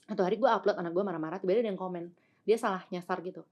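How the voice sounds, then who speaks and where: A woman in her thirties from Indonesia, a podcast guest in casual chat, telling animated stories, acting out quoted voices and mixing in English phrases. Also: lowish voice, very fast, highs cut off. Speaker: podcast guest, influencer and entrepreneur.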